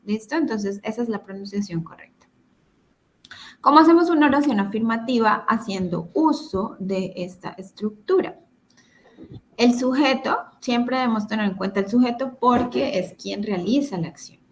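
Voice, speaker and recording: A woman's voice: on the high side, animated, normal speed, slight background noise, low-quality recording. A woman teaching English grammar in a recorded video-call lesson, explaining step by step, repeating words and checking in with her students.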